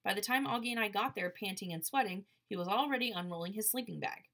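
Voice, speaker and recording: Casting: woman audiobook reader, bright and crisp, lively. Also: medium pitch, fast. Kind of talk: audiobook narration.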